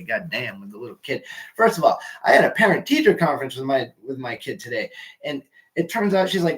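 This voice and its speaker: A man's voice: mid-range voice, fairly bright tone. A young man doing a casual, rambling stand-up monologue at home, loose and swearing, often trailing off mid-sentence. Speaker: amateur comedian.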